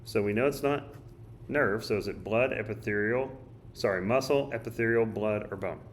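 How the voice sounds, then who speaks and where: Low-voiced hoarse male teacher. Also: normal speed, slight background noise. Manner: casual, thinks aloud while drawing and writing. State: hoarse, coughing. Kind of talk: recorded study guide walkthrough.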